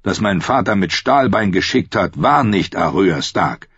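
A man's voice: low-pitched, expressive, measured pace, a bit bright, breathy edge, dry recording, full character voice. A man reading an audiobook, voicing a cynical, mocking one-handed knight in a dry, sardonic way. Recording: dry, slightly dull studio audio.

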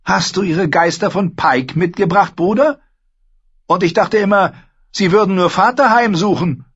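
A man reading an audiobook, voicing a sharp-tongued, mocking young noblewoman who lectures her brother. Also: high voice, moderate pace, husky, lo-fi sound, pitched above the performer's own voice, exaggerated voice. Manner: scornful, lecturing, needling. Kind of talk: audiobook character voice.

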